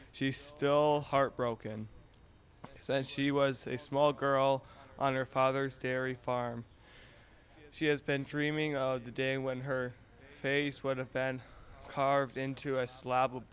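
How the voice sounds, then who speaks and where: A man's voice: medium pitch, fairly bright tone. A young man reading a mock news report into a handheld mic.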